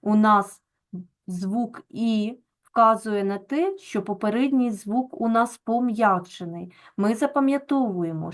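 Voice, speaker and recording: A woman teacher, explaining a lesson to young pupils. She speaks very slowly and deliberately and leans hard on every example word. Her pitch sits in an ordinary middle range. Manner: slow, deliberate, stresses and repeats example words.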